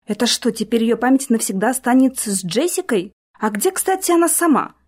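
A woman's voice: on the high side, animated, fairly quick, darkish tone, breathy edge. Woman narrating a fantasy audiobook. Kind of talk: scripted narration.

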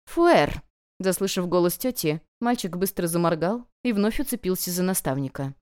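A woman's voice: lowish voice, animated, a little fast, a little mellow. Woman narrating an audiobook story. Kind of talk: first-person scripted narration.

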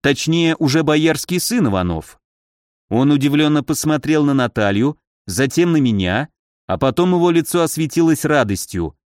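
A man narrating a fantasy audiobook in the first person, lively and expressive. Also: on the high side, moderate pace, dry recording, studio quality.

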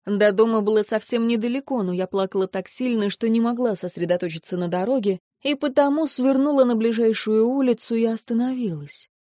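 A woman's voice: fairly high pitch, fairly quick, few pauses, dark tone, no room sound, clean studio sound. A woman narrating a first-person audiobook with an emotional, intimate reading.

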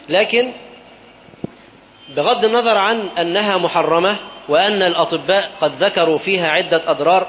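Fast-talking Egyptian preacher, lo-fi. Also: male voice, a little high, fairly bright tone. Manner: storytelling with rhetorical fill-in questions to the audience. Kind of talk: sermon. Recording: dull lo-fi recording with faint background noise.

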